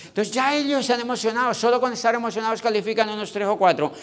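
A man giving an energetic motivational business talk, acting out little dialogues with loud bursts. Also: very high voice, racing. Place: large convention hall. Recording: long hall reverb.

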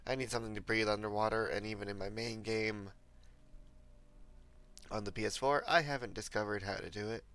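A young man with a lowish, gravelly voice and a bright edge, getting over a cold. He rambles casually to his viewers while streaming a game, talking into a desk mic. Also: steady tone, fairly quick, pauses often. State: recovering from a cold. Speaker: livestreamer. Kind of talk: casual gameplay commentary.

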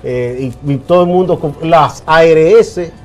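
A middle-aged man hosts a political talk panel in a TV studio, with a somewhat high voice. He keeps nudging the conversation along and completes his guest's thoughts, over a faint music bed. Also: unhurried. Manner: prompting, finishes guest's sentences. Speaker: TV show host. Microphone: lapel mic.

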